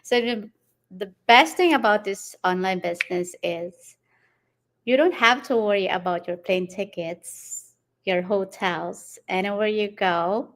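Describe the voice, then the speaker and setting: A woman's voice: medium pitch, unhurried. Chatty woman, laughing guest. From Philippines. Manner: rambling, laughs often, repeats words. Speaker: guest entrepreneur. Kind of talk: casual interview answers.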